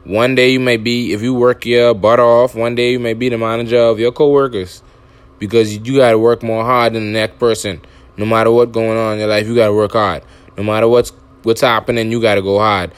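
Low, smooth-voiced man giving motivational talk. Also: level tone, fairly quick, no room sound. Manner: repetitive and exhorting, with frequent restarts. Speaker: podcast host. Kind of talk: motivational podcast monologue.

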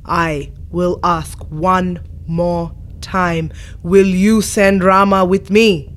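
Woman doing a booming, angry old sage. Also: lively intonation, unhurried, a little mellow. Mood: furious. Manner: booming, scolding. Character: mighty old male sage, stern and commanding.

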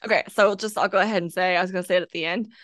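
A woman's voice: on the low side, fairly even intonation, rapid-fire, a bit bright, no room sound. Chatty woman with a dry close sound. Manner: chatty, lots of "like" and "kinda". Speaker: podcast co-host. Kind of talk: casual book club chat. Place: home, with her cat nearby.

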